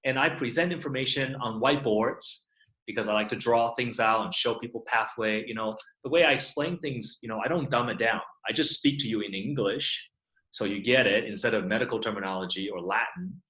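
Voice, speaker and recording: A middle-aged Taiwanese chiropractor, appearing as a guest in a casual online Q&A interview, explains his work and keeps saying "you know". His medium-pitched voice is bright and forceful, fairly quick. The sound is roomy and the recording rough.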